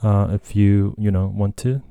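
Young Japanese man, Japanese accent, deep voice, dry close sound, halting casual podcast talk. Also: steady tone, creaky, dark tone, no echo. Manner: hesitant, many fillers and self-corrections. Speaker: podcast host. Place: Tokyo, Japan.

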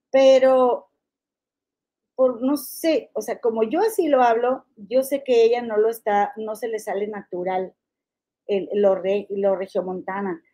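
A woman's voice: a little high, dark tone. A middle-aged woman from Monterrey with a Monterrey Mexican accent, chatting casually as a gossip podcast host and calling her listeners comadres. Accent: Monterrey Mexican Spanish.

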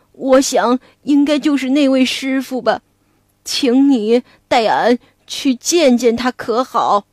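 A woman voicing an ugly, greedy pig demon who speaks in a slow, leering drawl with chuckles. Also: sits high, no echo, studio quality.

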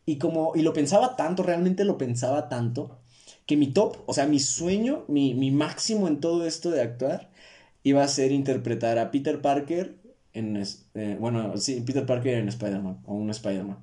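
A man's voice: mid-range voice, moderate pace, warm tone. Young Mexican male podcast host, casual joking monologue, self-deprecating, slang-heavy. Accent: Mexican Spanish.

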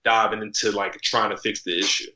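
A man guest on a podcast, telling stories in a casual, animated way, full of slang and "like," jumping up in pitch often. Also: a little fast. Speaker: podcast guest, article writer. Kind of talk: casual conversational storytelling. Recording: roomy, slightly dull podcast audio.

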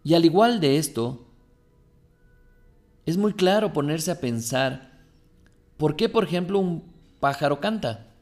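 A man's voice: fairly high pitch, lively intonation, unhurried, long pauses, a little mellow, faint music behind. A man hosting a podcast, giving a motivational monologue full of rhetorical questions. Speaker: podcast host.

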